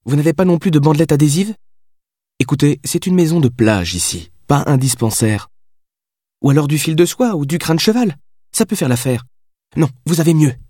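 A man reading the part of a spirited, impulsive young woman who answers in quick, teasing retorts. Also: a little high, big pitch swings, dark tone, dry recording, clean studio sound, pitched above the performer's own voice. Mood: cheeky. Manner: quick, teasing, triumphant replies.

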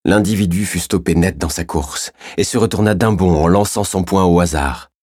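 Measured male storyteller with a very deep, husky voice and a dry, close sound. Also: darkish tone, no echo. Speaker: audiobook narrator. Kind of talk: scripted narration.

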